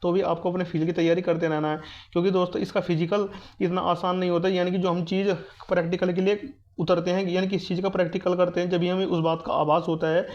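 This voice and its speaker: He's a fast talker with a high, somewhat mellow voice and little variation in pitch. In a muffled, dull lo-fi recording, this exam news and guidance YouTuber casually updates students on exams, repeating things to calm and guide them.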